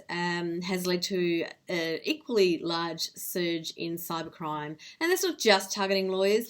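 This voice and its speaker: With a fairly bright tone in a lower register, a woman who works in law gives an informal presentation of security tips. She explains everything in a plain, straightforward manner.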